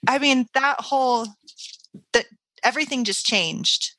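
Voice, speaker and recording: A woman co-hosting a podcast, talking about a play in a casual, excited way and eagerly explaining it. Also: high voice, measured pace, no echo. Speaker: podcast co-host. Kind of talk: casual literary discussion.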